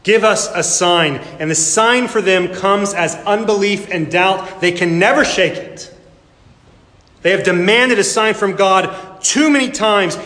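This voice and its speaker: Male pastor, emphatic sermon, dramatic pauses, slightly high voice, long church reverb. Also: fairly bright tone. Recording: echoey hall with long reverb.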